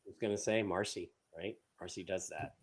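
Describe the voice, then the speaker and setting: A man co-hosting a live stream, reading out viewer questions and thanking supporters in a casual, halting way. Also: low-pitched, a crowd in the background. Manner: halting, with many ums and uhs.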